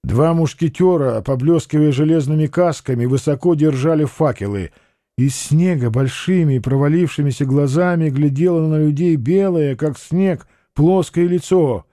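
A man narrating an audiobook of a historical novel in a grave, measured manner. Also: a little high, warm tone, no room sound, studio quality.

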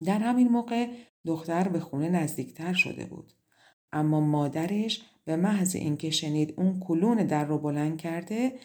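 A woman with a somewhat low voice reads a fairy tale aloud. Her storytelling is measured and expressive, as in a scripted audiobook. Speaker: audiobook narrator.

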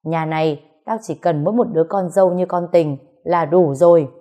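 A woman voicing a stern old father in a read-aloud story, shouting and scolding his son. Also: lowish voice, moderate pace, lightly acted. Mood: furious.

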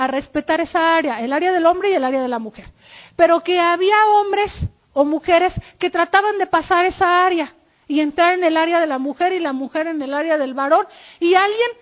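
A woman giving an informal church talk on marriage, speaking candidly about herself and quoting her husband. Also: very high-pitched. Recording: dull lo-fi recording.

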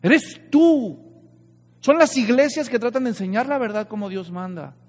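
Pastor, man, high voice, lively sermon with lots of questions to the flock, long echo from the church hall. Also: normal speed. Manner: lively preaching, frequent rhetorical questions to the congregation.

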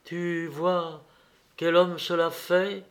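A man's voice: fairly high pitch, expressive, slow, a bit bright, exaggerated voice. A man reading the part of an anguished, proud woman torn by love, his voice trembling and pleading.

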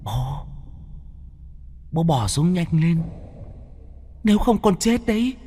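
A man voicing a demon disguised as a young son, talking in a high, whiny, pleading voice. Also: sing-song, slow, dark tone, breathy edge, big-room sound, heavily acted. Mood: wheedling.

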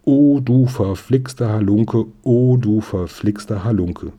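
A man voicing a brisk, scolding but loving old grandmother in a storybook reading. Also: fairly low pitch, dark tone, husky. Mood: bustling.

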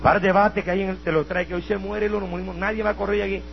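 A Colombian man preaching his testimony with a Colombian accent, acting out voices and breaking into shouted prayers. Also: high-pitched, steady tone, fast. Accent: Colombian Spanish. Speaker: evangelical preacher. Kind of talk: testimony sermon. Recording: dull lo-fi sermon recording with faint hum.

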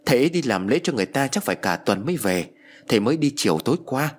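A man's voice: mid-range voice, sing-song, very fast, husky. A man voicing a chatty old village neighbor. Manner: chatty, matter-of-fact.

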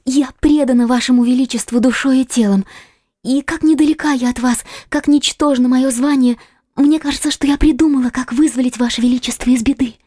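A man voicing a devoted, eager young maid in a fervent, earnest falsetto for a storybook audiobook. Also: steady tone, fairly quick, mellow, no echo, clean studio sound. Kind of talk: audiobook character voice.

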